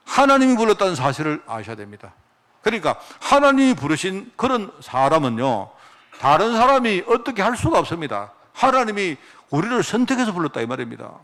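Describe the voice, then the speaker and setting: A man's voice: on the high side, a bit bright. A middle-aged male pastor, preaching a sermon, telling stories and asking the congregation rhetorical questions.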